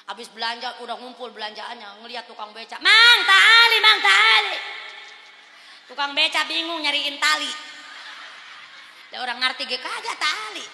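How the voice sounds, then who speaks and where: Animated high-voiced woman preacher, echoey hall. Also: a little fast. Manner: animated storytelling, asks audience "betul, Bu?". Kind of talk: lively humorous sermon. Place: prayer room before an audience.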